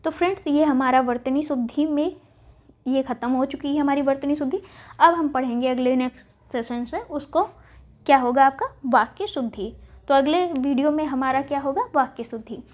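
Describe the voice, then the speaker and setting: High-voiced woman teaching spelling. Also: moderate pace, a little mellow. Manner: recites word pairs, asks and answers herself. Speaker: Hindi exam-prep teacher. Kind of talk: online lesson, spelling drill. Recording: dull lo-fi audio.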